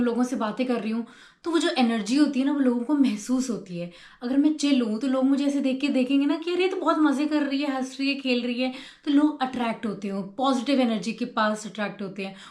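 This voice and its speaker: A young woman gives a casual motivational talk to her channel's viewers. She explains her points through simple everyday examples. Her voice sits a little high and bounces around an echoey room. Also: a little mellow. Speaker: YouTube host.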